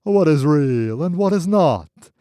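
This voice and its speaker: A man booming as a thundering unseen spirit. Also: expressive, slow, warm tone, no room sound, studio quality. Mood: intoning. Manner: thundering, commanding. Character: wild booming unseen male spirit, relentless.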